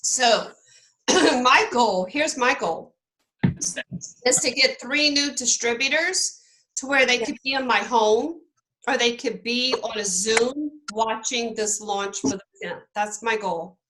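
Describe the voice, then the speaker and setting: Unhurried yet forceful, her bright voice sits on the high side, with slight background noise on a low-quality recording. She leads a network marketing team meeting by video call, upbeat and coaching, regularly checking in with her listeners.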